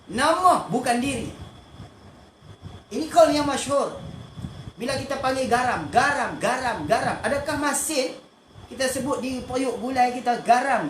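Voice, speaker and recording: A man's voice: very high voice, fairly bright tone. A man with a Malaysian Malay accent teaching an online religious class, often asking questions and answering them himself. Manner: asks and answers his own questions, repeats short fillers. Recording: echoey room, faint background noise.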